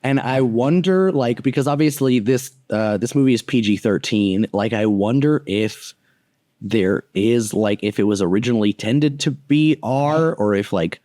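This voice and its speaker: A man's voice: medium pitch, normal speed, dark tone, no echo, clean studio sound. A young man co-hosting a casual movie review podcast, rambling with lots of fillers, swearing and laughing often. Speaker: podcast co-host.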